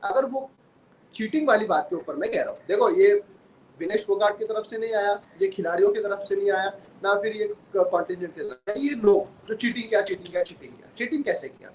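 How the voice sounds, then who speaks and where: A man's voice: sits high, brisk. A man hosting a live sports review, giving opinions and repeating his points while mixing English into Hindi. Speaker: cricket and sports channel host. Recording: echoey room with faint ambient noise.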